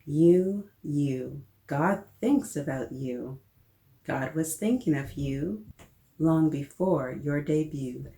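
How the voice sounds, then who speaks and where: A woman leads a children's story time, reading a picture book aloud with playful expression and speaking straight to the young listeners. Her voice is low-pitched and she takes it slowly, with a roomy, echoing sound to the recording.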